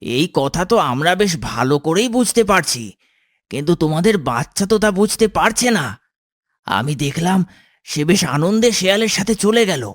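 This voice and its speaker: A man's voice: high-pitched, expressive, normal speed, no room sound, studio quality. A man voicing an eagle, a loyal friend who speaks in an urgent, earnest way. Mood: worried.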